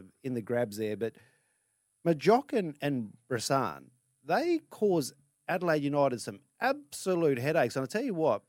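An Australian man co-hosting sports radio, giving casual opinions in a halting way, repeating words as he goes. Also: mid-range voice, no echo. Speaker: radio sports show co-host. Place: dry radio studio.

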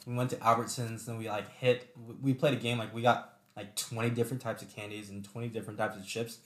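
A young man co-hosting a podcast, telling a story in a relaxed, laid-back casual chat. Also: medium pitch, fast talker. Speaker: podcast co-host. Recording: echoey room.

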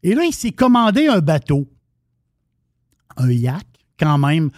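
A man's voice: on the high side, very animated, slow pace, darkish tone, dry recording, clean studio sound. A man with a Québécois French accent, co-hosting a radio show and telling a story in casual banter with many restarts.

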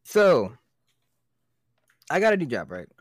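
A man's voice: a little high, sing-song, slow pace, slightly rough, dry recording, clean studio sound. A young man co-hosting a casual podcast chat, telling rambling stories with lots of swearing and laughter. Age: young adult. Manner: rambling storyteller, swears a lot, laughs often. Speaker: podcast co-host.

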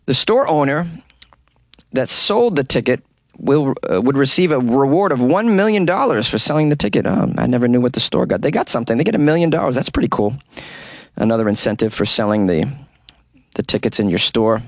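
A man's voice: medium pitch, lively intonation, a little fast, dry recording. A man hosting a casual comedy podcast about odd news, rambling in a wry, self-deprecating way, recorded in a small closet. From New England. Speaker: podcast host.

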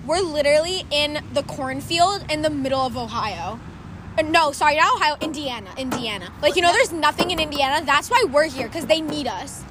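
Playful teen girl, scattered teasing chatter, very high-pitched, background noise. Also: animated, a little fast. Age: teens. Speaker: podcast co-host. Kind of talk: casual chat. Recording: noisy recording.

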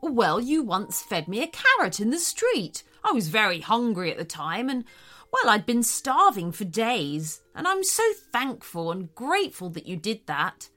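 Storybook: a kind, proud talking rabbit, gentle and slow-spoken, put on by a woman narrator. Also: fairly high pitch, big pitch swings, soft background music, heavily acted. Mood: grateful.

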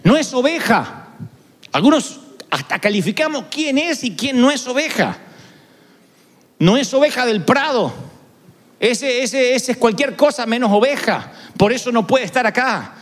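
High-voiced animated male preacher, echoey hall. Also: unhurried. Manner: animated preaching, acting out people's quoted words. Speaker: pastor. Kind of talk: sermon. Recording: echoey hall with long reverb.

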